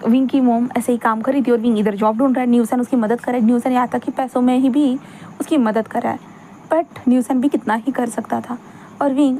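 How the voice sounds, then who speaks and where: Style: chatty story retelling. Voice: fast-talking woman. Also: on the high side, mellow, slight background noise. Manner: chatty, rambling, mixes in English words. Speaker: story narrator. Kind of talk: casual fan-fiction retelling.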